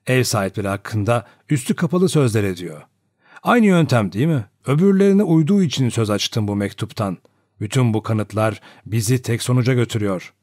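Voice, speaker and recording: A man playing a cold, measured old judge. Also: medium pitch, a little mellow, no room sound, clean studio sound, close to an everyday voice. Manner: measured, deliberate. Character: elderly male judge, cold, precise and authoritative. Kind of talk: audiobook character voice.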